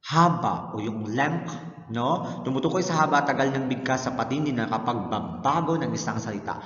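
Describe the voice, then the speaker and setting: A man teaching a language lesson, explaining step by step and often checking in with a quick "no?", mixing English terms into his speech. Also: mid-range voice, lively intonation, a bit bright. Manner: explanatory, frequent "no?" tag checks. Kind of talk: recorded Filipino language lecture. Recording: roomy echo, dull lo-fi sound.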